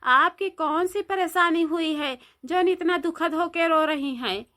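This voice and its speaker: A woman's voice: very high voice, measured pace, bright, forceful tone, full character voice. A woman voicing a curious, meddling young village woman in a cartoon, questioning and coaxing in an Awadhi accent.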